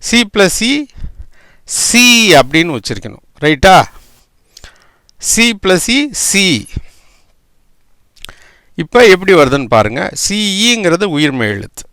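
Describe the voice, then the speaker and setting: A man's voice: a little high, creaky, fairly bright tone, no room sound, studio quality. A man teaching English spelling and pronunciation, spelling words out letter by letter and often checking with "right?".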